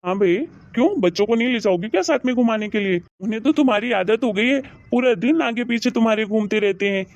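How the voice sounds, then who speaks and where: A woman voicing an easygoing young uncle in a cartoon story, calm and reasonable. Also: fairly high pitch, fast, no echo, lo-fi sound, lightly acted. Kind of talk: cartoon voice acting.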